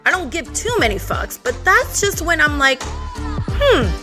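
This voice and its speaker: A woman's voice: high voice, big pitch swings, moderate pace, music in the background. A young adult woman with a Valley Girl accent hosting a podcast, talking in a sassy, profane, sing-song way and slipping into playful quoted voices. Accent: Californian Valley Girl. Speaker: podcast host. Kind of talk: casual monologue.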